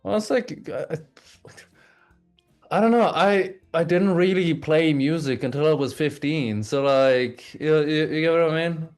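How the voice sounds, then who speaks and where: A man from Oslo, Norway, who grew up bilingual in English and Norwegian, chats informally as an interview guest and often repeats words while he thinks. His voice is on the high side and a little mellow, at a measured pace, with soft music in the background.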